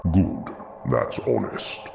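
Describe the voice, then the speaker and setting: A man playing Frankenstein's monster, a bitter, grieving, philosophical creature, in an audio drama with slow, brooding, gravelly speech. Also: over music, natural voice. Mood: wounded, yearning. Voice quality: deep, gravelly. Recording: clearly noisy background ambience.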